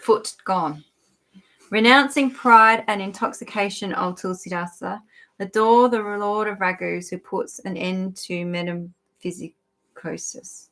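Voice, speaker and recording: A woman of ordinary pitch reads a sacred text aloud for a podcast. Her delivery is steady and measured, with the odd stumble over an unfamiliar word. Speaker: podcast co-host. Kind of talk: reading scripture aloud.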